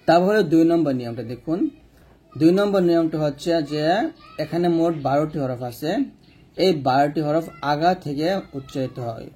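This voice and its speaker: A man with a Bangladeshi Bengali accent teaching a step-by-step recitation lesson, repeating each rule and drilling letters slowly. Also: on the high side, mellow, slightly rough. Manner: repeats rules and drills letters slowly, asks questions to the viewer. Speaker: Quran reading teacher.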